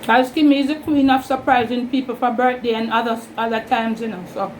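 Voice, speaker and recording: Fairly high in pitch, this Jamaican-accented woman hosts a mukbang, talking informally and slowly as she drifts from topic to topic with Creole-tinged phrasing. A whirring fan runs steadily throughout the rough recording.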